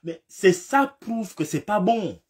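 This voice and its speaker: Fiery political commentary comes from a man with a fairly high voice and a slight cold. He talks slowly but animatedly, his pitch swinging widely as he repeats phrases emphatically, stacks up rhetorical questions and at times breaks into shouts.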